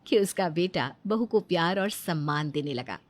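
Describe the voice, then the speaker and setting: A woman narrating a scripted cartoon story in an even, clear storytelling manner. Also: lowish voice, normal speed.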